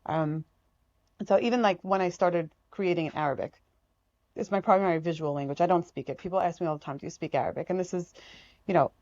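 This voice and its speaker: A woman guest on a podcast, an artist from the United States, talking in a lively, emphatic way and acting out remarks people have made to her. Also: on the low side, fast talker, no echo, lo-fi sound. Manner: animated, emphatic, acts out quoted remarks. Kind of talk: conversational interview.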